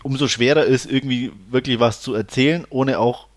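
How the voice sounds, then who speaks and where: A man's voice: medium pitch, fairly even intonation, fairly quick. Chatty German man reviewing a film. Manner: chatty, many fillers and restarts. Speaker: podcast host reviewing films. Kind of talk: casual film review chat.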